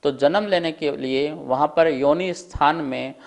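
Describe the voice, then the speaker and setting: A man teaching a scripture lesson at a board, slowly and deliberately drilling the pronunciation of each word. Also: on the high side, vocal fry. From India.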